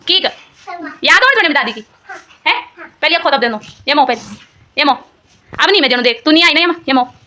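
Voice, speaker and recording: A young woman vlogging with a Garhwali-tinged Hindi accent, teasing and coaxing a small child in loud, high bursts, then narrating her day casually. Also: lively intonation, fairly quick, long pauses. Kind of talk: casual family vlog.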